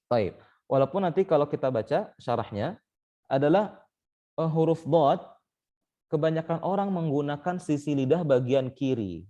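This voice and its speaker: Young guy teaching tajwid online, pauses with eh a lot, kinda muffled call audio. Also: fairly high pitch, lively intonation, mellow. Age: young adult. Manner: explains step by step, often pauses with "eh" and "baik". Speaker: Quran recitation teacher. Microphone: online call mic.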